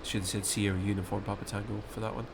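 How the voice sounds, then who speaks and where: Low-voiced man playing controller over background noise. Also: little pitch movement, fast, vocal fry. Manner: thinks aloud, formulaic clipped instructions. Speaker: player of an air traffic control game. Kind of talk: gameplay commentary mixed with air traffic control radio calls.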